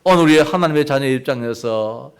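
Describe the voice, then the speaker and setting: A man's voice: medium pitch, fast talker, smooth. An older man preaching a sermon as pastor, talking conversationally and asking the congregation rhetorical questions.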